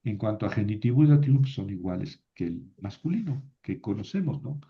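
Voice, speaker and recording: A man's voice: on the low side, sing-song, a little fast, creaky, highs cut off. A man teaching a class, patiently reciting word forms aloud and asking rhetorical questions. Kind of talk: classroom lecture.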